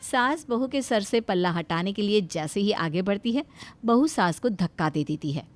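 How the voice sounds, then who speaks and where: A woman narrating a cartoon story in an expressive storytelling manner. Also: medium pitch, normal speed, soft background music.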